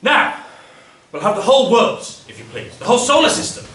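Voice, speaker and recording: A teenage boy acting a stage manager who loudly announces arrivals in a school play. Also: very high-pitched, huge pitch swings, a little fast, slight background noise, heavily acted. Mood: commanding. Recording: echoey school stage from far off.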